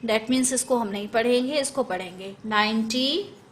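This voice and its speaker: A woman's voice: a little high, unhurried, slight background noise. A woman teaching a math lesson in Hindi, going step by step through place values, often correcting herself and mixing in English number words.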